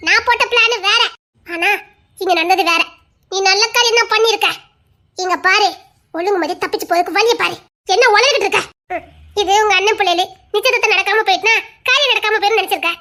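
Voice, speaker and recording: A woman with a very high voice performs a whole family drama alone. She shifts between frightened, pleading and stern characters, and her lines break into laughter and tears. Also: pushed and bright. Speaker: storyteller voicing every character. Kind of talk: scripted Tamil family audio drama.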